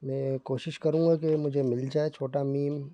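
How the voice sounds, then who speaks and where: A man teaching Quran reading in Urdu, explaining patiently and reciting verses slowly. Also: medium pitch, level tone, warm tone, dry recording, dull audio. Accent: Pakistani Urdu.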